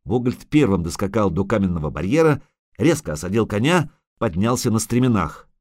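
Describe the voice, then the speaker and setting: A man narrating a fantasy audiobook in an expressive, measured storytelling manner. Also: lowish voice, dry recording, studio quality.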